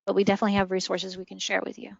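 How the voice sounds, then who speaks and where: A woman's voice: mid-range voice, completely flat delivery, rapid-fire, gravelly, no echo. Female early learning trainer, upbeat instructor, dry muffled line. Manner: friendly, explains with classroom examples. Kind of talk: online training session. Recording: dull dry lo-fi audio.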